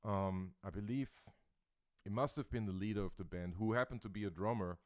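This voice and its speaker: A man's voice: lowish voice, fairly quick, no room sound, clean studio sound. A male host from Austria chatting in an interview, thoughtful and searching for his words. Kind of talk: casual interview chat. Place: Brooklyn, New York.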